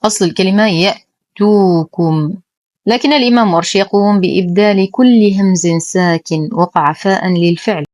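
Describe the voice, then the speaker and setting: A woman teaching Quran recitation rules, explaining each word carefully and then reciting it slowly and precisely. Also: medium pitch, darkish tone, dry recording. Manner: careful, precise, slow drawn-out recitation of examples.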